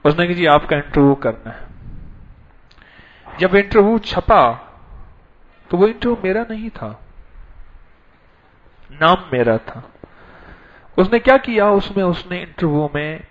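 A man hosts a spiritual gathering, coaxing the audience and asking brisk follow-up questions in a lively, conversational manner. His voice is slightly high for a man. The recording is dull and lo-fi. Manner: animated, coaxing, quick back-and-forth. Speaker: spiritual teacher hosting a gathering.

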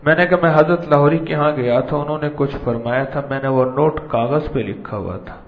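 A man's voice: on the high side, slight background noise. A man giving a devotional sermon as a Sufi preacher, in a lilting cadence built on repeated phrases. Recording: dull lo-fi recording.

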